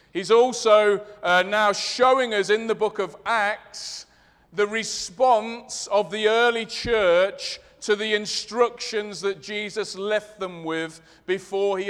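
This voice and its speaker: A man with a Leicester accent from the English East Midlands preaches a sermon in a measured, explanatory way, in short phrases. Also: high voice, fairly bright tone, clean tone. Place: large reverberant room, preaching to a congregation. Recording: long reverberant hall sound.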